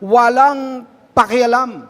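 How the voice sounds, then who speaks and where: A man's voice: very high voice, steady tone, slow, a bit bright. A man with a Filipino accent preaching a sermon at a prayer meeting, often asking his listeners questions. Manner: switches between Tagalog and English, asks the crowd questions. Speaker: guest preacher. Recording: long hall reverb.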